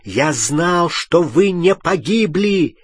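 Man doing a defensive teenage boy, guilty, pleading, raised lively voice, husky, dry audiobook recording. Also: a little high, normal speed, no echo, voice pushed up. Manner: pleading, shouting back defensively. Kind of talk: audiobook character voice.

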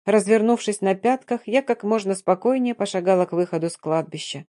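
A woman narrating a first-person audiobook in a calm, even reading voice. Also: mid-range voice, a little fast.

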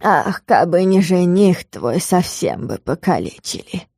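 A kindly old village grandmother fussing over a hurt girl, slow, soothing and folksy, as a woman narrator plays her. Her voice drops lower than the narrator's own and stays mellow and soft. The audiobook sound is dry and close. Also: very animated, gravelly, husky, no room sound, exaggerated voice. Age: older.

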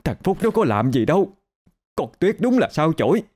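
A man's voice: fairly high pitch, sing-song, moderate pace, a little mellow, pitched above the performer's own voice. A man voicing a hysterical older woman who wails and blames others in a told ghost story. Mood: frantic wailing. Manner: wailing, frantic lament.

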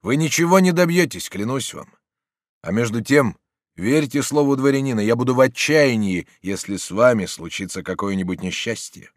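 A man voicing a defiant, wounded young male nobleman who shouts at his attackers in an audiobook. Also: mid-range voice, expressive, moderate pace, no echo, clean studio sound, natural voice. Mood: grave warning.

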